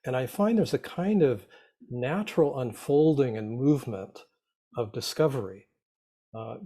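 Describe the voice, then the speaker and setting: Man, psychotherapist and teacher, mid pitch, measured and careful. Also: warm tone. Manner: measured, clears throat, careful qualifications. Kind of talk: roundtable discussion.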